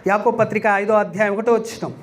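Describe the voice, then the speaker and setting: A man's voice: high-pitched, steady tone, fairly quick, slight background noise. A man preaching a sermon to a gathering, emphatic, asking rhetorical questions and repeating scripture lines aloud.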